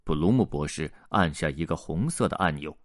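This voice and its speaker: A man narrating a children's picture book aloud in a lively, expressive way. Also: a bass voice, brisk, dry recording, studio quality. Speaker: storyteller.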